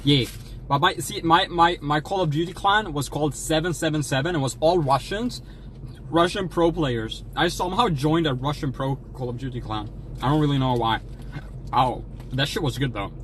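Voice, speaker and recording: A man's voice: on the high side, moderate pace, a bit bright, slight background noise, rough recording. A young man livestreaming, chatting casually while eating, in a jokey, folksy put-on American drawl. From Sweden. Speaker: streamer.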